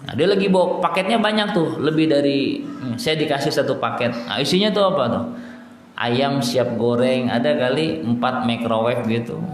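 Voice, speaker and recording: A man's voice: mid-range voice, moderate pace, a little hiss or hum. A middle-aged man with an Indonesian accent giving a casual religious study talk, telling stories and acting out the dialogue. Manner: storytelling, acts out dialogue, chuckles at own jokes. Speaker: Islamic teacher. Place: prayer room. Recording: echoey hall with faint ambience.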